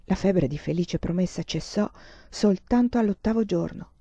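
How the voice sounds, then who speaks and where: Mellow-voiced woman reading a novel. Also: lowish voice, animated, moderate pace, no room sound. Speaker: reader. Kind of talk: audiobook narration. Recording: dull, lo-fi recording.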